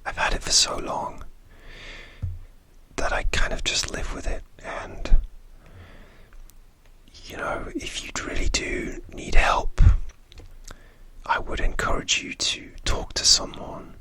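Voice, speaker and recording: A person whispering a gentle ASMR pep talk, confiding and a little hesitant, close to the microphone. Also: slow, pauses often. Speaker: ASMR video host.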